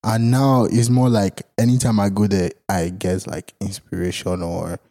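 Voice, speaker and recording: A man's voice: lowish voice, level tone, moderate pace, warm tone. A young man co-hosting a casual podcast chat, talking in a slangy, buddy-like way. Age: young adult. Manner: slangy, buddy-like, punctuated with "bro" and "you know". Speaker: podcast co-host. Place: home studio, seated on a couch.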